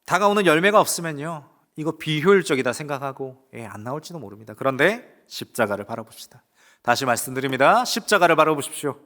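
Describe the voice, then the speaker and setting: A man pastor delivering a sermon, swinging between loud rising exclamations and hushed asides, putting rhetorical questions to the congregation. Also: fairly high pitch, animated, fast talker. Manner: emphatic preaching with rising exclamations and quiet asides.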